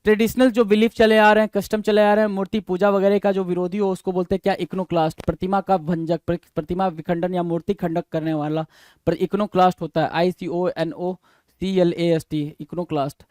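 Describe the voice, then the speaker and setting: A man teaching an exam-prep vocabulary lesson, who reads definitions slowly, then explains in quick asides and spells words letter by letter. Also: high voice, level tone, a little mellow, smooth, no echo. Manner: addresses listeners as "bhai".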